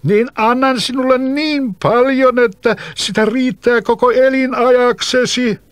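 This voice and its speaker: A man voicing a huge, scheming male spirit trapped in a bottle, calling out in slow, drawn-out phrases in a storybook reading. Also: fairly even intonation, roomy sound, big-room sound. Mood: begging. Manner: slow, drawn-out, booming calls.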